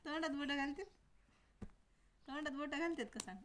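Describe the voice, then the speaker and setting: A woman with a somewhat high voice gently coaxes a little child, asking the same questions again and again. The talk is casual and homely, and there is a faint hiss of background noise under her voice. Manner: coaxing, repeated questions. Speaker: family member filming a toddler. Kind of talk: casual chat with a small child.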